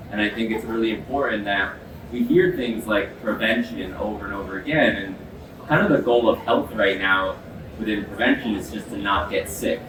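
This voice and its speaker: A man giving an explanatory product demo as an expert, speaking in an earnest, emphatic way. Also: on the low side. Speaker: ice bath expert and product demonstrator with sports medicine background. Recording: echoey, distant mic, noisy background.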